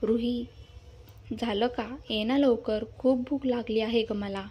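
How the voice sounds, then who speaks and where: A woman voicing a lively, teasing young woman who looks out for her friend in a read-aloud story. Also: on the high side, slow, slightly rough, highs cut off, heavily acted. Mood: cheerful. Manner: teasing and protective.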